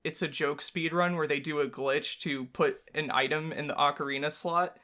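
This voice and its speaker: Co-hosting a let's-play, a man jokes around casually in a goofy, self-mocking way as he plays the game. His voice is fairly high, bright and forceful, with fairly even intonation at a normal speed.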